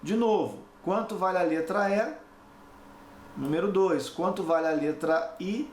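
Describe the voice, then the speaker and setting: A man's voice: sits high, measured pace, darkish tone. A man teaching a recorded lesson, explaining step by step and checking in with tag questions as he repeats the key points. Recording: echoey room, faint background noise.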